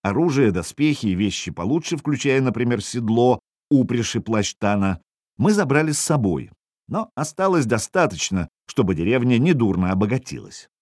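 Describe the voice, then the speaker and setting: A man reading a first-person audiobook in a wry, expressive way, voicing the dialogue as he goes. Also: medium pitch, normal speed, no room sound, clean studio sound. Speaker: audiobook narrator.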